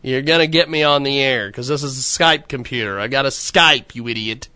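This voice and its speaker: A man's voice: medium pitch, brisk, pushed and bright, smooth, dry recording. A man hosting a live stream with casual, blunt, rambling chat. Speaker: show host.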